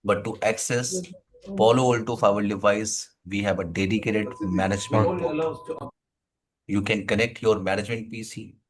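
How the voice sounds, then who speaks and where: A man's voice: lowish voice, normal speed, crowd noise, rough recording. A man teaching a live online technical lesson in a didactic way, repeating phrases and answering his own questions. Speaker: IT instructor.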